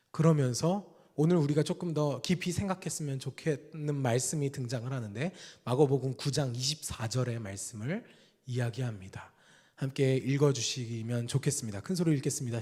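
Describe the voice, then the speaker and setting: A man preaching a sermon in earnest, swinging between loud emphatic lines and quiet low asides. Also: moderate pace, breathy edge, big-room sound. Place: church sanctuary.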